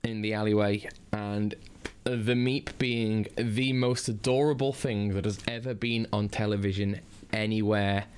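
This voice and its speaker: A man's voice: lowish voice, fairly even intonation, a little slow, clear, resonant tone. A man with a Northern English accent giving a casual, rambling spoken TV review, full of fillers and restarts. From Northern England.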